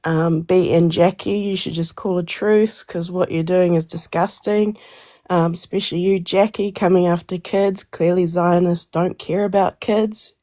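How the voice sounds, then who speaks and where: Female panelist, sick, lowish mellow voice, dry close sound, accusing tone. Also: fairly even intonation, unhurried, no room sound. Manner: pointed, accusing. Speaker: livestream debate panelist. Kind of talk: heated live-stream argument.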